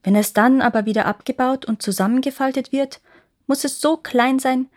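A woman's voice: high voice, moderate pace, darkish tone, pitched above the performer's own voice, lightly acted. A woman voicing a mistrustful male king who commands his son. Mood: commanding. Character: mistrustful aging male king, scheming father.

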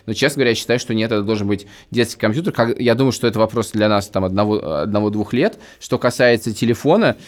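A podcast co-host in his thirties chats casually and emphatically, sharing opinions and often repeating or rephrasing himself. His voice sits on the low side, and he talks fast with few pauses.

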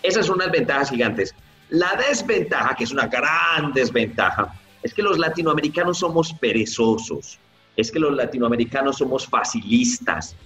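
A man who teaches English, answering interview questions in a lively way and acting out the people he quotes. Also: normal speed. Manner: animated, acts out quoted people with big pitch jumps. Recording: roomy, slightly dull, faint music behind.

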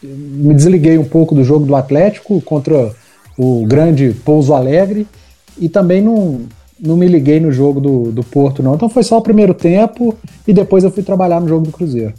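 A Brazilian man chats casually on a football panel. His tone is very dark and soft-edged, with faint music behind him. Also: a little high, a little fast, muffled recording. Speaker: sports radio journalist and podcast panelist.

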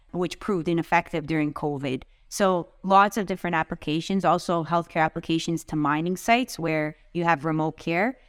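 A woman CEO answering interview questions in an earnest, measured way, often listing items. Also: fairly low pitch, fairly bright tone, clean tone, dry recording, clean studio sound. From Canada. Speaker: company CEO, guest. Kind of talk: podcast interview.

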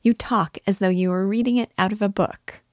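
A woman voicing an eager, excitable young woman in an audiobook reading. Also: medium pitch, fairly quick, dry recording, clean studio sound, voice pushed up, natural voice. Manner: eager, pleading.

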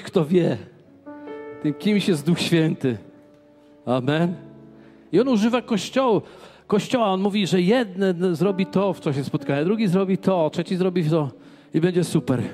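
A man preaching a charismatic church sermon, swinging from loud proclaiming shouts to quiet prayer. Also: on the high side. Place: church service with a band.

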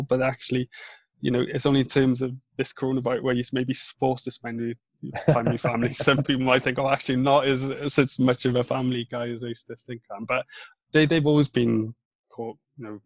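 A Welsh man in his thirties, with a mid-range voice, appears as a podcast guest in a casual interview chat. He's reflective and halting, often restarting his sentences, and the recording has no echo.

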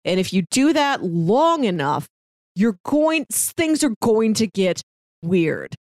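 With big pitch swings, a slow pace and a mid-range, slightly mellow voice, this podcast co-host gives recommendations in a casual chat about films, books and audio dramas. She retells stories and acts out snippets of imagined dialogue. The sound is clean studio quality with no room sound.

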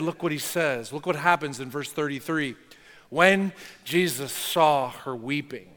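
A man's voice: on the high side, a bit bright, in a large hall. A man preaching a sermon as pastor, talking earnestly and conversationally, with rhetorical questions to the congregation.

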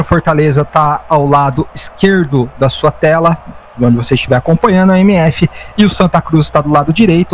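A man commentates a football match live in a slightly high voice. His play-by-play is conversational and loosely worded, with stumbles and corrections. There is faint noise on the recording.

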